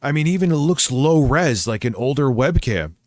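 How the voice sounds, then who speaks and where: A man's voice: mid-range voice, animated, moderate pace, no echo. A man hosting a livestream in a casual, sweary reacting style. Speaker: livestream host reacting to videos. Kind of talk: casual profane chat.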